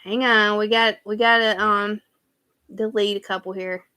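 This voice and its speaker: Bright, chatty Southern woman. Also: mid-range voice, fairly even intonation, unhurried, clear, resonant tone. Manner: chatty, rambling, reads out viewer comments. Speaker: cross-stitch channel host. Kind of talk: casual live-stream chat.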